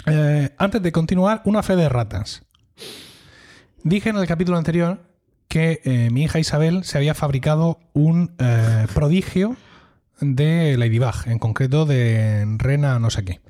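A middle-aged man from Spain hosting a podcast, playful and jokey, slowing down for mock-solemn lines. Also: fairly high pitch, dark tone. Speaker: podcast host. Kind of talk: casual chat.

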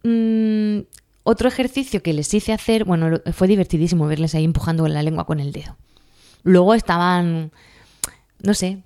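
In a casual lesson with tips for the exam, a chatty Spaniard with a low, darkish voice often laughs at herself. She keeps checking that her audience is following, tossing out "¿vale?" again and again.

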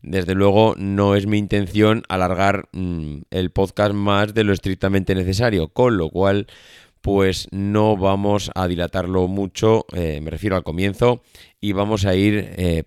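A man's voice: low-pitched, fairly even intonation, unhurried, a little mellow, clear, resonant tone, no room sound, clean studio sound. A man with a Spanish accent from Spain hosting a solo podcast, his voice nasal and stuffed up with a cold, rambling and often correcting himself. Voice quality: nasal, congested from a blocked nose. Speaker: podcast host.

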